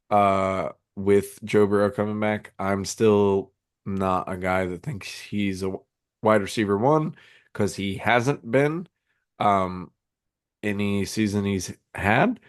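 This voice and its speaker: A man with a low voice, hiccuping as he talks sports in a loose, rambling way. He chats casually, full of ums and restarts, on a dry, close microphone. It sounds like a remote podcast call. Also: no room sound. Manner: rambling, filler-heavy, frequent restarts. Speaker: podcast co-host. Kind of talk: casual fantasy football chat.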